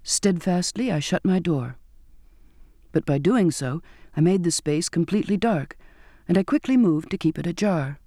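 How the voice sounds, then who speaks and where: A man reads a first-person novel aloud in a measured, expressive storytelling manner. His voice sits somewhat high for a man, and the recording is dry and close. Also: no echo. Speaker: audiobook narrator. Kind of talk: scripted first-person narration.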